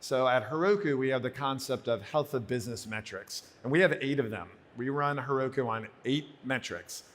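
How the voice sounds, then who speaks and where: Guy on a conference panel, chatty and animated, acts out little quotes, mid pitch. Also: big-room sound. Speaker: panelist, business operations leader. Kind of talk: conference roundtable discussion.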